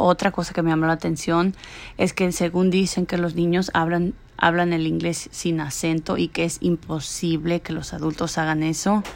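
A young woman sharing her thoughts in an unhurried, casual way, often pausing and restarting. Her voice sits low with a gravelly fry. It sounds like a relaxed podcast reflection. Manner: hesitant, many fillers and restarts. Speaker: student podcaster. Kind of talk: casual spoken reflection on an article.

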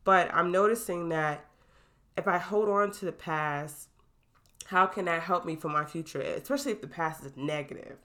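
A young woman hosting her own podcast, talking casually in an animated, hype-building way into a new microphone. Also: on the low side, moderate pace. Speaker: podcast host. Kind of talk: casual solo podcast talk.

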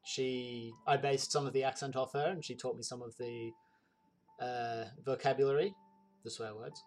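A man giving relaxed thank-yous at the end of a role-play podcast. He sounds chatty and grateful and leans on "um" fillers. Faint music sits behind him. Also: mid-range voice, moderate pace. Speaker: podcast player.

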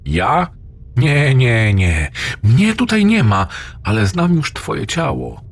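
A man voicing a gloating, crude male AI demon in a horror story reading, with a rough, mocking voice. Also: slow pace, heavily acted. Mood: taunting. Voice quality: rough, ugly, abusive voice. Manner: taunting, lewd, lively pitch swings.

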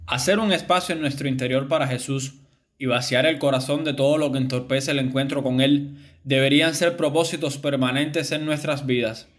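A man reading a scripted Gospel reflection in an earnest, measured way. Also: medium pitch, fairly even intonation. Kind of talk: scripted devotional narration.

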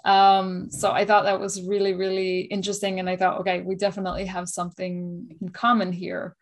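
A woman hosts a conversational interview and frames her questions casually. She hedges as she goes along, and her voice stays in a middling pitch. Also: completely flat delivery, fairly quick. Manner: casual, tentative, many fillers. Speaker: interview host.

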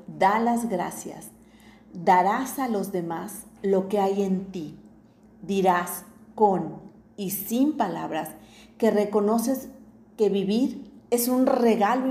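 A woman narrates an inspirational reflection slowly and deliberately, pausing between phrases. Her voice is mellow and warm, at a middle pitch. The recording has a noticeable roomy echo. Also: a little hiss or hum. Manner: measured, deliberate reading with pauses between phrases.

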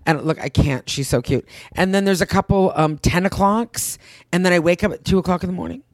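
A woman's voice: on the low side, brisk, no echo, studio quality. A middle-aged woman co-hosting a casual chat, telling rambling stories and acting out her own thoughts, with casual swearing.

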